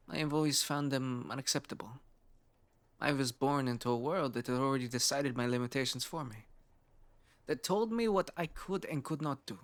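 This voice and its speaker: A man performs an intimate ASMR roleplay monologue as a young male scientist from a poor background, driven and earnest, musing in measured phrases broken by thoughtful pauses. His voice is mid-range, pitched a little above his natural one yet still close to everyday speech.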